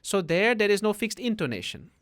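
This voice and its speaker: A man's voice: sits high, very animated, fairly quick, fairly bright tone. This is a man from the Netherlands with a slightly raised voice. He explains things in a patient, teacherly way, as a podcast guest. He often ends his points with a questioning "no?".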